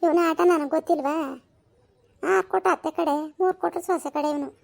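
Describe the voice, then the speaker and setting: Woman doing a shrill, scolding village mother-in-law, old and quarrelsome, comedy skit. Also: steady tone, brisk, creaky. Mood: grumbling. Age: older. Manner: scolding, then wailing in a high pitch. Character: nagging elderly mother-in-law, sharp-tongued and whiny.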